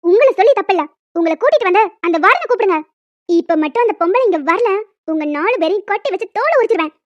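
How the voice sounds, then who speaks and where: A woman voicing a bossy old village grandmother in a cartoon, who shouts insults and threats. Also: very high-pitched, animated, fast talker, no echo, lo-fi sound. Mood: furious scolding.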